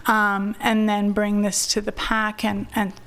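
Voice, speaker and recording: A woman's voice: mid-range voice, monotone, unhurried, fairly bright tone, clear, resonant tone. A woman city staff member giving a report at a council meeting, hesitant, with many fillers and restarts.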